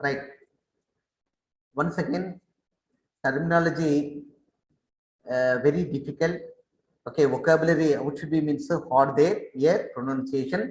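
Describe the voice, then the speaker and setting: A man teaches school science over an online call, repeating each term slowly so pupils can say it after him. His voice sits slightly high and moves very slowly. The room around him rings with echo. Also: slight background noise. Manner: repetitive, mixes English and Telugu, drills pronunciation. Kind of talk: online class lecture. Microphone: online class call.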